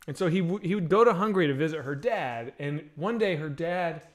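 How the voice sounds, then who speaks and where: A podcast host in his thirties tells crude, energetic stories at a fairly quick clip. His pitch is fairly high, and he's chatting casually over video call on a headset mic from a room at home with bookshelves.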